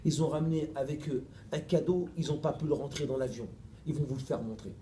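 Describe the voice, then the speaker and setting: In a mosque, a middle-aged preacher giving a lecture tells a lively story at a fairly quick pace, playful and animated, laughing often and acting out every bit of dialogue. His voice is slightly high yet warm and mellow, and the echoey room carries a faint background hum.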